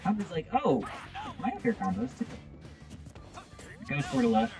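A man's voice: sits high, big pitch swings, normal speed, creaky, music in the background. A man giving laid-back, dry color commentary on a fighting game match, with many short agreements. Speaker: esports co-commentator.

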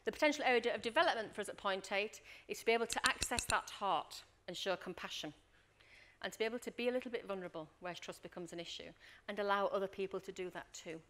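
A middle-aged woman, a leadership coach and workshop trainer, speaks fast at a medium pitch, with a slight hiss or hum in the audio. She runs a workshop talk as a lively storyteller, acting out scenes in her anecdotes and often checking in with the room by asking "Okay?"

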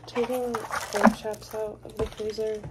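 Whispering softly on the high side with little pitch movement, a young woman in her twenties talks a little slowly. The college student has a cold, so her throat is scratchy and her nose congested, and she's vlogging casually into a phone camera held close in a small home room.

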